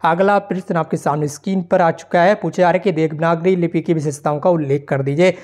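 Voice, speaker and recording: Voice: mid-range voice, steady tone, fairly quick, a little mellow. A teacher giving an online exam-prep lesson, reading each question aloud and explaining its answer point by point with frequent check-ins to the students.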